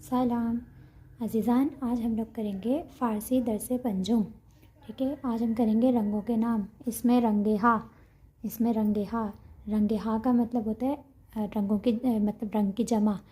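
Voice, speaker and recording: A woman with an Urdu-speaking accent teaches vocabulary slowly and patiently, repeating each word. Her voice sits fairly high but sounds mellow and warm. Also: steady tone, breathy edge. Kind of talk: language lesson.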